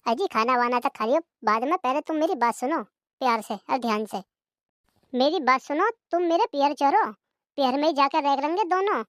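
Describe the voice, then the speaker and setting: A woman voicing a lazy, sharp-tongued young daughter-in-law in a cartoon comedy, talking back defiantly. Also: high-pitched, normal speed, dry recording, studio quality, close to an everyday voice. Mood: coaxing.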